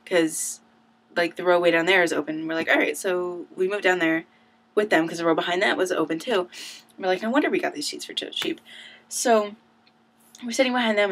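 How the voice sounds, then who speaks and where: A young woman telling a story in a casual vlog, bubbly and gushing, saying "like" often. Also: on the low side. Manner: bubbly, gushing, says "like" a lot. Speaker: vlogger. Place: at home, indoors.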